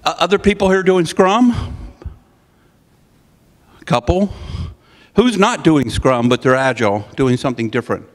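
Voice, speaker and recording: A middle-aged consultant speaks at a podium in a hotel conference room, his voice on the high side, at a measured pace with frequent pauses. His interactive talk is conversational, with restarts and laughter at his own jokes. The podium mic captures a long hall reverb.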